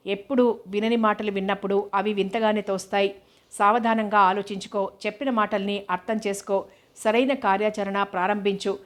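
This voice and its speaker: A calm, firm middle-aged mother in a storybook reading, quiet and measured, as a woman narrator puts her on. Her voice keeps a flat, even line. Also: mid-range voice, lightly acted.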